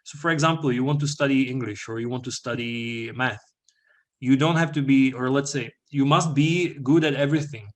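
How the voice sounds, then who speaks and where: A man's voice: mid-range voice, moderate pace. A young man presenting slides to an audience, explaining at length with frequent fillers and "all right?" check-ins.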